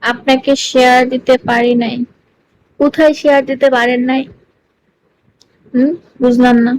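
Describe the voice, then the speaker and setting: A woman's voice: high-pitched, flat delivery, normal speed, a little hiss or hum, low-quality recording. A woman chatting casually with viewers on a live stream, playful and teasing, coaxing them and giggling often between lines. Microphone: phone.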